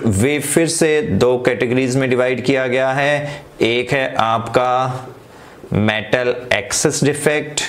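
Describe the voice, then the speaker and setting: A man teaching chemistry. He mixes English terms into Hindi, often checks in with his students and dictates headings slowly. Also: mid-range voice. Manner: slows right down to dictate headings. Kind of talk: online class lecture.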